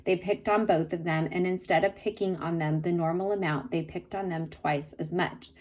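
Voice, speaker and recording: A woman reading a novel chapter aloud in steady storytelling narration. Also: fairly low pitch, moderate pace, low-quality recording. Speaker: reader.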